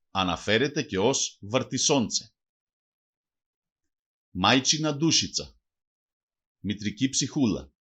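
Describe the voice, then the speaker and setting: A man reads a vocabulary lesson aloud in a careful, deliberate way. His voice is somewhat husky and rises and falls in a lively way. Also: medium pitch. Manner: slow, careful reading of word lists. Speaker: language teacher.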